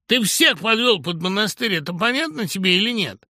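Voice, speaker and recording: A man reading an audiobook, voicing a loud, hysterical middle-aged male producer who rants and bullies. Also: medium pitch, sing-song, slow, husky, no echo, studio quality, exaggerated voice. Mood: ranting furious. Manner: ranting, shouting, bullying.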